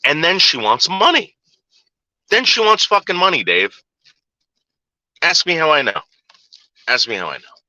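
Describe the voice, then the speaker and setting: A man's voice: fairly high pitch, sing-song, unhurried, pauses often, bright, forceful tone, dry recording, low-quality recording. A man ranting on a casual livestream, talking back to chat, profane and repetitive with frequent restarts. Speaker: livestream host reading chat.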